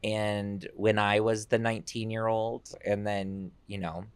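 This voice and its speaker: Man, podcast host, medium pitch, chatty, dry recording. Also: little pitch movement, smooth, dry recording. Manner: chatty, quick reactions and laughter. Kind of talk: casual interview.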